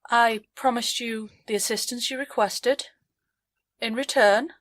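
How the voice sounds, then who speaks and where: A woman's voice: a little high, steady tone, a little slow, fairly bright tone, dry recording. A woman voicing a prim female envoy in a tabletop game, speaking with formal, haughty courtesy. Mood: indignant.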